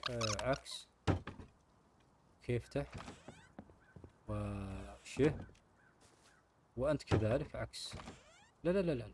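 A man's voice: mid-range voice, animated, takes it slowly, long pauses, heavy background noise. A man hosting his gaming channel, chatting casually to viewers while he plays. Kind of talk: casual game commentary.

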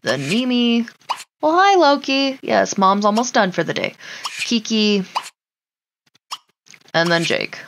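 A woman streamer does a casual Let's Play of a life simulation game, chatting informally to herself and to the characters. Her fairly high voice is sing-song and slow, with frequent pauses. Clear background noise and mouse clicks are audible.

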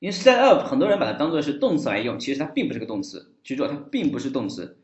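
Guy teaching english, super lively up and down voice, roomy dull sound. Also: mid-range voice. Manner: repeats phrases slowly, animated. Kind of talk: language lesson explaining dialogue.

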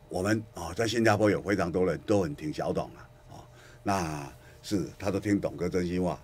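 A man from Kinmen, hosting a political talk radio show with animated, sarcastic ranting. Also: low voice, husky. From Kinmen, Taiwan.

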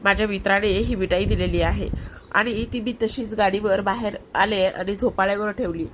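A young woman, voiced by a woman narrator, patiently explaining where she went. She sounds a touch louder and more emphatic than the narration around her. It stays close to the narrator's own voice. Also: mid-range voice, fairly even intonation, normal speed, a little hiss or hum, natural voice. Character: young woman lying calmly to her family.

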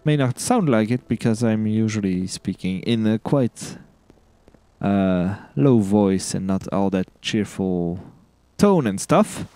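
A man's voice: lowish voice, lively intonation, slow pace, mellow, smooth, dry recording. A man hosting a video game let's play, chatting casually and rambling, tripping over his words in a giddy, upbeat mood. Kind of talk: casual gameplay commentary.

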